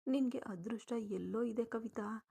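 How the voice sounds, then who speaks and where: A woman's voice: on the high side, measured pace, creaky, dark tone, breathy edge, heavily acted. Woman voicing a teasing young village girlfriend.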